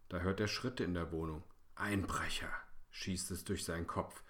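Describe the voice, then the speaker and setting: A man narrating a children's bedtime story in a hushed, suspenseful way. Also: deep voice, fairly even intonation, normal speed.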